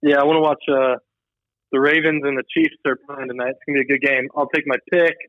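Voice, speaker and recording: Over a dull, lo-fi remote call line with no room sound, a young man co-hosting a podcast chats casually, speaking fast in a steady tone at a middle pitch. He wanders through long, loose stories and swears casually as he goes.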